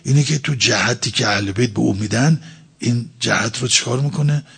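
Man preaching, gravelly voice, very raspy, rhetorical questions. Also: mid-range voice, fairly bright tone. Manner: explains by asking and answering his own questions. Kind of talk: sermon.

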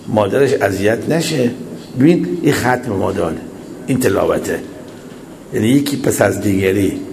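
A man giving a religious sermon in a reflective, measured preaching manner, often posing rhetorical questions. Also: on the low side, darkish tone, slight background noise, low-quality recording. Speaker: cleric.

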